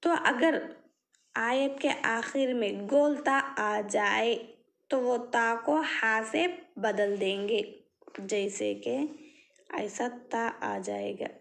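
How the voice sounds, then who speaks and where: A woman teacher speaking at a very unhurried pace with a fairly high voice. She poses questions to her class and answers them herself, drawing each example word out slowly. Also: vocal fry. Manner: draws out example words very slowly. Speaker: Quran reading teacher. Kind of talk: slow step-by-step lesson.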